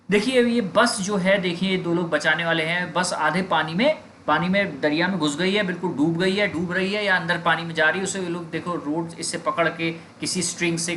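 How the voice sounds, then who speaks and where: A man's voice: on the high side, bright, forceful tone, a little hiss or hum. A man teaching English vocabulary in Hindi, drilling each word over and over with frequent hesitations. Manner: slow, repetitive drilling of words with many fillers. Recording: echoey room with faint ambience.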